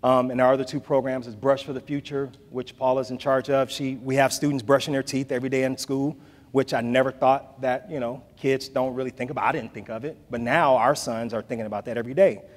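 A man in his forties delivers a conversational keynote from a podium in a large hall lined with bookshelves, repeating phrases for emphasis before a seated audience. His medium-pitched voice is steady and brisk. Recorded via the podium mic and filmed from the back of the room, it carries a long hall reverb.

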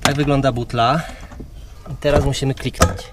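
Loud music plays behind a Polish dad's mid-range voice as he casually narrates a campsite how-to vlog beside a caravan. His intonation stays fairly even and his pace is moderate while he explains each step to viewers.

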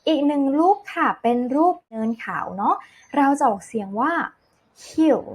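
A woman teaching English to kindergarten children, saying each word slowly and clearly, repeating it, then explaining it. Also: high-pitched, expressive, a little mellow. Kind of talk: slow vocabulary drill lesson for small children.

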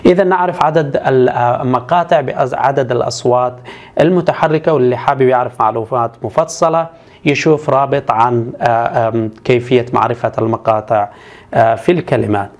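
A man teaching English spelling rules, who repeats each example word slowly and carefully. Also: mid-range voice, fairly even intonation. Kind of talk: explanatory spelling lesson.

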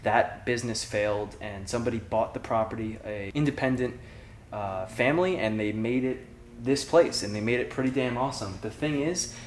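A man's voice: mid-range voice, moderate pace, slight background noise. A young man hosting an exploration vlog, chatting casually with lots of "like" and "I mean" as he walks through an empty indoor diner, speaking into a camera held at arm's length. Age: young adult. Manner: relaxed, chatty, with a lot of "like" and "I mean". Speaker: urban explorer vlogger host.

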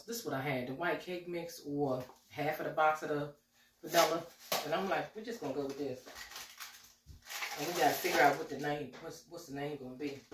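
This cooking vlogger is a woman in her forties, low-pitched and a little congested from a slight cold, chatting casually to "y'all" in her home kitchen. Noise fills the background, and the distant camera mic, a few steps away, picks up a roomy kitchen echo.

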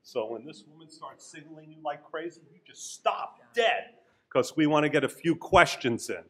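Man, slightly high voice, wry joking moderator, podium mic, conference room. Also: lively intonation, moderate pace. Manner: wry, joking, rambling with uhs. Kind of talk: joking panel introduction. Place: conference room on Capitol Hill. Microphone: podium microphone.

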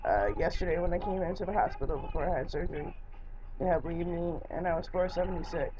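A woman's voice: lowish voice, fast, dark tone. A woman weak and in pain after surgery, chatting bluntly and complaining to the camera as a casual vlogger while lying back in bed. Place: small hospital room, indoors, in bed. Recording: dull lo-fi webcam sound, background noise.

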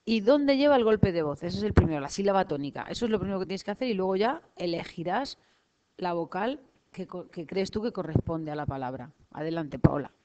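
A woman's voice: lowish voice, animated, brisk, dark tone. Patient woman teacher, muffled recording. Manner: patient, prompting, repeats words back. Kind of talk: one-on-one spelling lesson.

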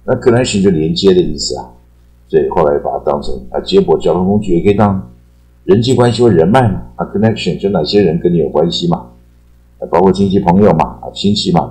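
A man with a deep, low voice explains English words in a relaxed, conversational teaching style. He repeats key terms and tags his phrases with a drawn-out particle. Faint instrumental music plays softly behind him. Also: poor audio. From Taiwan. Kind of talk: casual explanatory lecture.

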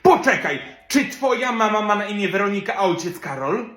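A man playing a starstruck female teacher who gushes excitedly over a new pupil's famous parents. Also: high voice, a little fast, echoey room. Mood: gushing. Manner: excited and gushing. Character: starstruck fangirl woman teacher, gushing.

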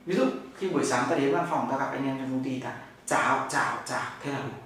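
A man's voice: medium pitch, fast, fairly bright tone. A man from Vietnam with a Northern Vietnamese accent, teaching a classroom language lesson, explaining step by step and answering his own questions. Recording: very echoey room, mic far off, noisy.

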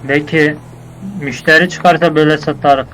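A man's voice: a little high, fairly even intonation, normal speed, fairly bright tone, a little hiss or hum, poor audio. A man acting out a casual game roleplay, bossing his crew around in scolding, slangy street talk.

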